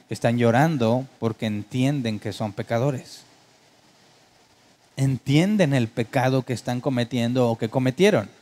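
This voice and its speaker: The preacher's voice is mid-range with a darkish tone. In his conversational sermon he frequently asks the congregation rhetorical questions, and for humor he imitates worship keyboard sounds.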